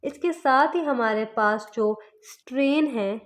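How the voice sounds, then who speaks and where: A woman physics teacher from Pakistan giving a lecture, explaining step by step and slowing down to spell out formulas. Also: high-pitched. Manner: explains step by step, mixing English terms into Urdu.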